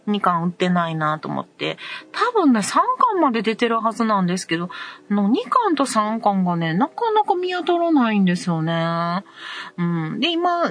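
A woman in her forties with a Nara Kansai accent, hosting a casual chat show and reading listener messages, relaxed and full of pauses and fillers. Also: fairly low pitch. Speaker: podcast host.

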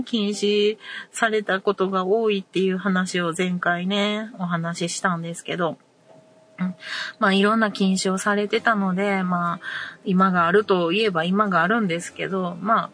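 Laid-back Kansai woman hosting a chat show. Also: medium pitch. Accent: Kansai, Nara. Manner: relaxed, many fillers and pauses. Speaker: podcast host. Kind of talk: casual chat reading listener messages.

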